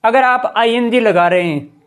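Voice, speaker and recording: A male teacher explains English grammar at an even, patient, slightly slow pace, often quizzing the class with rhetorical questions and saying "ठीक है". His tone is clean, and his sentences sink lower and quieter at the ends.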